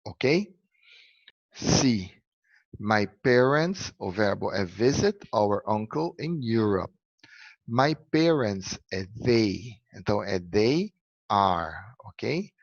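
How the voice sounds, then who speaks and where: A man from Brazil teaching an English lesson with unhurried, patient explanations. His low, gravelly voice sounds a little husky. The recording is dry and dull, with a slightly lo-fi sound. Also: expressive, no echo. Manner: patient, step-by-step explaining, frequent "ok?" checks.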